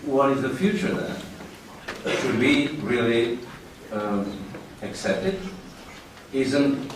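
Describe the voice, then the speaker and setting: Male moderator, halting and slow, asking questions in a very reverberant room. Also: medium pitch, lively intonation. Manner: halting, searching for words. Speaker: discussion moderator. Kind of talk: unscripted questioning in a panel discussion. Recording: very echoey room, distant mic, clear noise.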